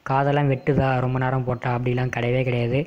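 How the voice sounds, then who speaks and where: Young guy in his 20s talking thru a face mask, super quick, kinda muffled lo-fi sound. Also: mid-range voice, flat delivery. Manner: chatty, repeats fillers and reassurances. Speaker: product reviewer. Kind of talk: casual product review.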